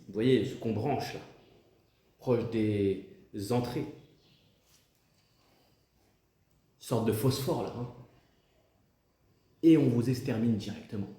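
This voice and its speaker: A man's voice: on the low side, warm tone, roomy sound, natural voice. A man playing a stern, pompous president in a comic sketch, insinuating and mock-diplomatic as he scolds and threatens. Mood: menacing.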